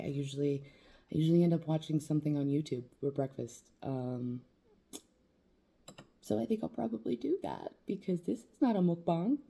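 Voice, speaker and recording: A young woman from New Mexico with a deep, gravelly, dark-toned voice talks casually to the camera about quitting smoking while dealing with facial nerve pain. She rambles, swears, and jokes at her own expense.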